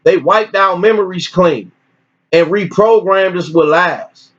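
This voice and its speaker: A man teaching informally and reading articles aloud with his own commentary, in an animated, preachy way with repeated phrases. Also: high-pitched, measured pace. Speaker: religious teacher. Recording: dull lo-fi recording.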